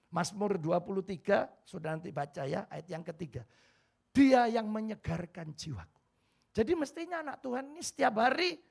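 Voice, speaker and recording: An animated male pastor with an East Javanese accent delivers a sermon. His fairly high voice swings widely in pitch and carries a gravelly edge. He acts out short scenes as he preaches. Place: church hall.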